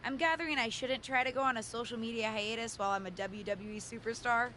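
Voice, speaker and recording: An actress playing an earnest young woman rookie wrestler, calm and plain-spoken, in video game dialogue. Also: a little high, fairly quick, gravelly, slight background noise.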